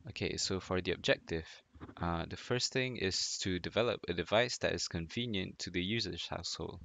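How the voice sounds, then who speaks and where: A man's voice: low voice, moderate pace, gravelly, sharp tone, no room sound. A young man from Malaysia presenting a student class project, hesitant and apologetic with many fillers. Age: young adult. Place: home desk, indoors.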